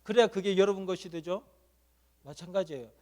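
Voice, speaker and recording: A man's voice: high voice, fairly quick, darkish tone. A man preaching at a middle school church service. He asks the students questions and answers them himself, and he acts out an inner voice speaking to them. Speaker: youth pastor.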